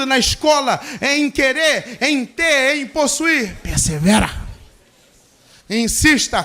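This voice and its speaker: A man preaching a sermon as a pastor, with a Brazilian Portuguese accent, telling a story in a lively way and acting out the people in it. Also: extremely high pitch.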